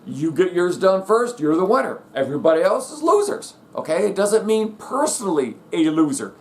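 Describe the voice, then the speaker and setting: A middle-aged man with a fairly high-pitched voice holds forth in a blunt, emphatic rant. He hammers home his points and keeps asking "okay?" and "guess what?" to drive them in. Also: very animated, moderate pace. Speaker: vlogger. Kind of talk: ranting monologue.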